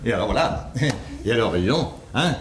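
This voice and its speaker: A man's voice: on the low side, big pitch swings, moderate pace. A man playing a jilted former partner in an amateur audio drama, rambling and stammering with nervous laughs. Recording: roomy amateur recording with noise.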